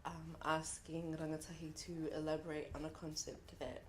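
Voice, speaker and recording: Her voice is deep with a flat delivery, and there's slight background noise. A young New Zealander with a New Zealand accent, she speaks as a contributor in a book launch's event room, giving a heartfelt address to the audience that is earnest and reflective, with many pauses.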